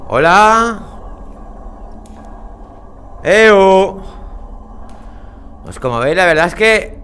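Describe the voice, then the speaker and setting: A young man with a Spanish accent from Spain, commentating a horror game as he plays, calling out loudly and then muttering low and jumpy. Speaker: gamer playing a VR horror game. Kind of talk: let's play commentary.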